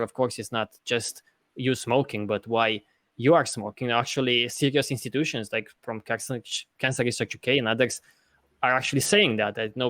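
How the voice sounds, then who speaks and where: This Romanian man hosts a podcast and earnestly argues his point in relaxed conversation, often halting and restarting mid-thought. He speaks in a plain middle register at medium pitch, recorded close up with a dry, echo-free sound.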